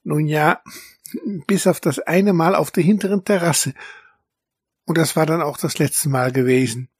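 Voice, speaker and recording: Slow, husky man reading a children's story. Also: fairly high pitch, fairly even intonation, no echo, clean studio sound. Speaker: narrator.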